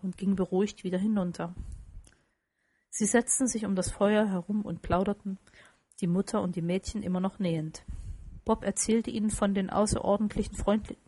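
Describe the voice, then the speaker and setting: A woman narrating a classic story aloud, giving the dialogue soft, quiet voices. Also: mid-range voice, slightly rough, no echo. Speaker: audiobook reader. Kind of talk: scripted narration.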